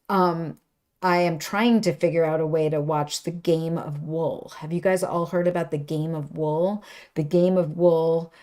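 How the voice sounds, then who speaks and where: Chatty woman with a warm low voice. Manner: chatty and rambling, with frequent asides. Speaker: host of a knitting livestream. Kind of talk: casual live-stream chat. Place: her studio.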